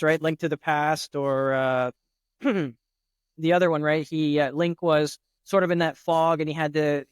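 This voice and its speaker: A man's voice: on the high side, smooth, dry recording, clean studio sound. A man hosting a podcast interview, speaking hesitantly, with lots of fillers. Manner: hesitant, many fillers and restarts. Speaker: podcast host.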